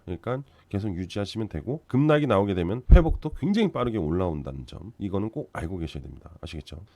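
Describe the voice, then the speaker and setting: Male crypto channel host, lively swooping delivery, dry close sound, blunt and emphatic, answers his own questions. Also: low-pitched, quick pace, no room sound. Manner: blunt, scolds headlines, reassures holders. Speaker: crypto investment YouTuber. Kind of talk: market commentary to viewers.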